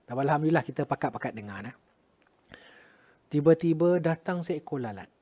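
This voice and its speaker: A middle-aged man with a Malaysian Malay accent, a retired army officer telling a personal story with drama, swinging between loud exclamations and hushed murmurs. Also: fairly high pitch, animated, a little fast, husky, muffled recording.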